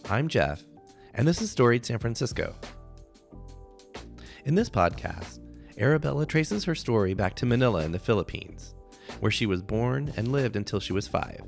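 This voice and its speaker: A man hosting a podcast, introducing a guest in measured narration and then interviewing her with brief murmured acknowledgments. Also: medium pitch, animated, gravelly, soft background music. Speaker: podcast host.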